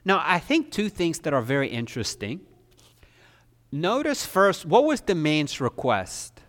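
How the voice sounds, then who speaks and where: A man's voice: a little high, sing-song, unhurried, a bit bright. A man preaching an expository sermon, often quoting verses and acting out the people he describes. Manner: rising to emphatic pleading when voicing the official.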